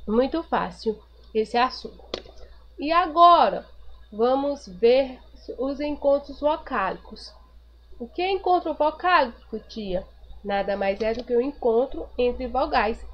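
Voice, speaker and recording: A woman teacher giving a recorded grammar review lesson, patiently repeating each point and asking the class rhetorical questions. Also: on the high side. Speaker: primary school teacher. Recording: dull lo-fi recording with faint noise.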